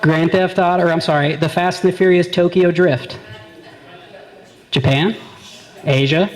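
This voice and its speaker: A man's voice: sits high, steady tone, a little slow, rough recording. A young man doing a rambling, brash stand-up comedy set on stage, acting out his friends' voices. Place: comedy venue with live audience. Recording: live room with audience crowd.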